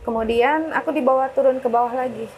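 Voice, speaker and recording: A woman's voice: high-pitched, fast talker, narrow, tinny audio, slight background noise. A woman, interviewed about a personal ordeal, telling it in casual chat and acting out the dialogue she quotes. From West Java, Indonesia. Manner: lively storyteller who acts out quoted dialogue. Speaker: interviewee, former migrant worker.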